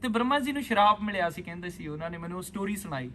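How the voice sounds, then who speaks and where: High-voiced man teaching a scripture class. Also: expressive, racing, a bit bright, a little hiss or hum. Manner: patient, calls students by name, asks questions. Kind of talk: class lesson mixing Punjabi and English.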